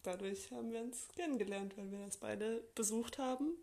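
A woman's voice: fairly high pitch, moderate pace. Chatty young woman podcast co-host. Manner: relaxed, chatty, frequent fillers and laughter. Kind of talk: casual podcast chat.

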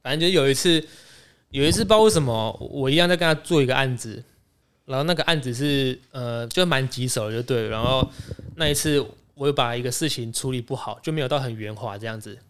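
Rapid-talking young man. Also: medium pitch, clean tone. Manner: animated, rapid storytelling with quick restarts. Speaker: podcast co-host. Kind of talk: casual chat storytelling.

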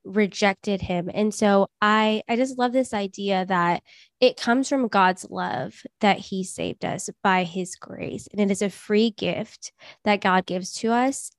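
A woman with a raspy voice from a cold, co-hosting a Bible study podcast in an earnest, friendly way. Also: mid-range voice, no echo, studio quality. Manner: earnest, friendly teaching with casual fillers. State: sick, raspy voice. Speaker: podcast co-host.

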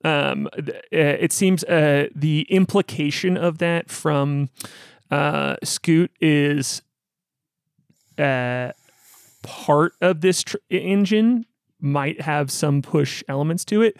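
A man narrating as game master of a tabletop role-playing game, halting with many fillers and restarts. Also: a little high, clear, resonant tone, no echo, studio quality.

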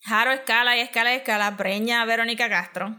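A woman's voice: fairly high pitch, steady tone, fast, bright, forceful tone, clear, resonant tone. A woman recapping a film in casual chat, mixing in English words, with lots of fillers and laughs.

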